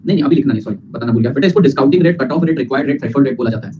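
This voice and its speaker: A male teacher giving a lively lecture, mixing Hindi and English and acting out students' replies. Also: mid-range voice. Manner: fast, playful, mixes Hindi and English, acts out students. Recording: lo-fi with background hiss.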